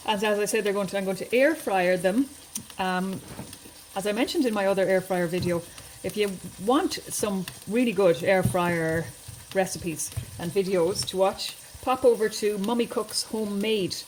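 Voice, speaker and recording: A woman's voice: mid-range voice, moderate pace, a little hiss or hum, low-quality recording. A woman hosting a home cooking video, chatting casually and thinking aloud as she cooks in her kitchen. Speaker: home cooking channel host.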